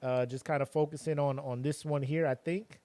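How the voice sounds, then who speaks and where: A man co-hosting a podcast in casual chat, animated and sarcastic, full of slang. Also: on the high side, moderate pace, no echo. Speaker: podcast co-host.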